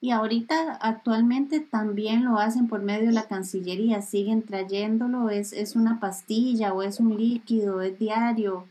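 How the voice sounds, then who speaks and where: A woman podcast host interviewing a mother, speaking gently and affirming with frequent backchannel sounds. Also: a little high, steady tone, moderate pace, few pauses, low-quality recording. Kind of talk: conversational interview.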